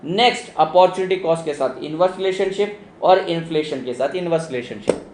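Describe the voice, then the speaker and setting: Speaking a little fast, a man teaches a live online economics exam-prep class in a casual style, calling his students "beta" and sprinkling in English terms. His voice sits slightly high for a man, and the echoey, roomy setting has faint ambience and background noise.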